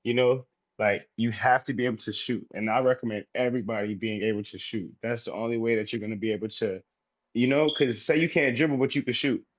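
A man, a professional basketball player, talking casually as an interview guest, relaxed and rambling with many fillers. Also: medium pitch, brisk, muffled recording. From United States.

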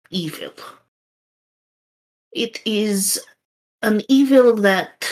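A woman voicing an old male fox-folk shaman in a put-on Russian accent, telling legends slowly and gravely between hesitant fillers. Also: mid-range voice, close to an everyday voice, rough recording.

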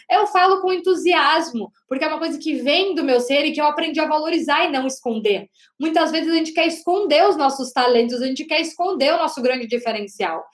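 A Brazilian woman with a high, bright-sounding voice gives an enthusiastic lesson, loud and animated, checking in with her listeners often. The room around her is echoey. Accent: Brazilian Portuguese. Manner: animated, talks loudly, many rhetorical tags. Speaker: communication coach.

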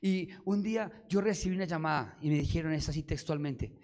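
A man preaching a sermon in an animated way, acting out dialogue and prayers and swinging from hushed to loud. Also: a little high, brisk.

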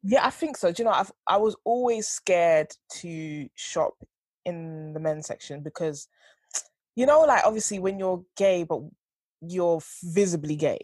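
A woman's voice: lowish voice, expressive, a little slow, darkish tone, breathy edge, dry recording. A young woman chatting casually as a podcast co-host, slangy and emphatic, often checking that she is understood. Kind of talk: casual conversational podcast chat.

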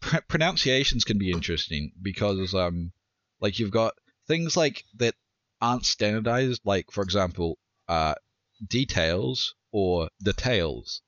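Male podcaster, low voice, halting delivery with stammered restarts, dry dull recording. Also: lively intonation, a bit bright, no echo. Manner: hesitant, with stammered restarts and many ums. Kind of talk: casual chat.

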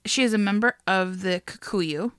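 Bright-voiced woman telling a story. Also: medium pitch, normal speed, clean tone, no room sound, studio quality. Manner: laughs often, swears, chatty. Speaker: podcast co-host. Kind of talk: casual chat, telling a biography.

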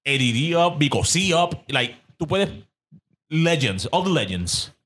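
A man's voice: on the high side, sing-song, slow pace, a bit bright, slightly rough. A Puerto Rican man hosting a casual podcast, giving blunt, profane opinions in Spanglish, switching between Spanish and English mid-sentence. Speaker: podcast host.

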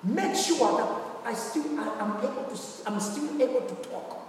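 A man preaching a fervent, repetitive sermon in an animated manner. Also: very high-pitched, moderate pace. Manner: animated, repetitive, rhetorical questions. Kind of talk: fervent sermon with personal testimony. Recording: roomy echoing hall, distant mic, faint noise.

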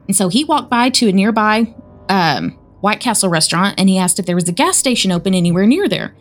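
A woman's voice: medium pitch, lively intonation, brisk, soft background music. A woman with a Southern American accent, co-hosting a podcast and chattily retelling a spooky story. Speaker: podcast co-host. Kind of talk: casual storytelling chat.

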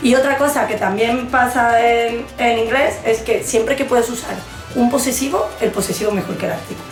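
A woman's voice: a little high, normal speed, reverberant, soft background music. A woman, explaining English mistakes in a casual co-hosted lesson, teasing her partner. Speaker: co-host teaching English.

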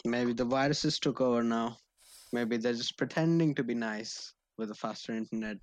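A man's voice: medium pitch, normal speed, no room sound. A man co-hosting a podcast in casual, slangy chat with joking and swearing. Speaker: podcast co-host.

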